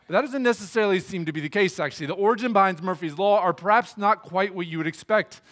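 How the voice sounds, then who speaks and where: A man preaching a verse-by-verse sermon in a church, earnest and steady, with a prayer woven in. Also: sits high, fast talker. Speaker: pastor. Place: church sanctuary.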